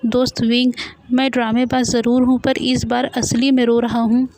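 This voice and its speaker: A woman's voice: on the high side, fairly even intonation, moderate pace, darkish tone, no room sound, clean studio sound, close to an everyday voice. A woman voicing a dramatic, cowardly young man who whines and clowns around. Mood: mock-weepy.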